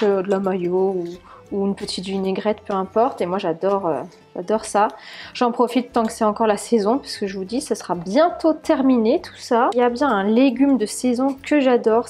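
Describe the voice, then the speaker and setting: A woman's voice: a little high, a little mellow. A young woman vlogging from her home kitchen, chatting casually with lots of fillers as she explains each cooking step. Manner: chatty, many fillers, narrates while cooking.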